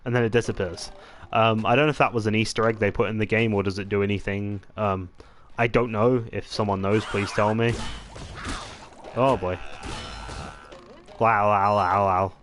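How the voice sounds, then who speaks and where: A man chatting casually as he commentates his gameplay, rambling with many pauses and restarts. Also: fairly low pitch, fairly even intonation, slight background noise. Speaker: gaming channel host. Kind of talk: let's-play gameplay commentary.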